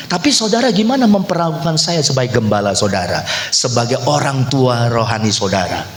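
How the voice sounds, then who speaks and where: A male pastor preaching a lively sermon in a church, acting out quoted voices and teasing the congregation. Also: mid-range voice, a little hiss or hum. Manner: animated, acts out quoted voices, teases the congregation. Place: church hall. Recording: echoey church hall.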